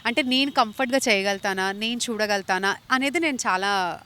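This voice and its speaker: A woman's voice: mid-range voice, a little fast, pushed and bright, clean tone. A young woman from India answering interview questions earnestly and mixing English phrases into her speech. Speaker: actress interviewee.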